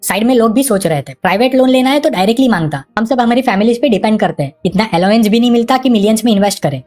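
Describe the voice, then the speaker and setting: A woman narrating a manhwa recap in a brisk, lively storytelling manner. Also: fairly high pitch.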